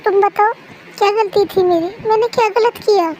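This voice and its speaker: A performer doing a tearful young wife, very high voice, sobbing and pleading, faint hiss behind. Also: flat delivery, moderate pace, rough recording. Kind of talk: fan-made audio drama.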